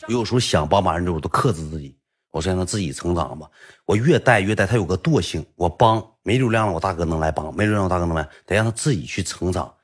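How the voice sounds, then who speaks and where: Brief: low, husky man, Northeastern Mandarin, chatty storyteller. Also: fast talker. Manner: folksy, rambling, colloquial. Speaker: livestream guild boss. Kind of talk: storytelling monologue.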